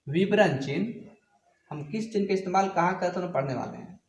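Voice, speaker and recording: High-voiced man teaching Hindi grammar. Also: echoey room. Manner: explains slowly, repeats definitions, addresses viewers as guys. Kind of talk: classroom-style video lesson.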